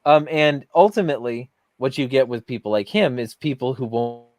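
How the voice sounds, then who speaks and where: A man's voice: medium pitch, normal speed, darkish tone, no room sound. A man hosting a podcast who rants bluntly and swears often in casual heated talk. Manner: blunt, profane, ranting. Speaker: podcast host.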